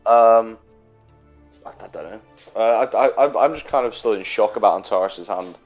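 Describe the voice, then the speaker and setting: A man playing in a tabletop game, speaking in a halting, unsure way. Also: fairly low pitch, highs cut off, faint music behind. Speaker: player. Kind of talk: casual tabletop game chat.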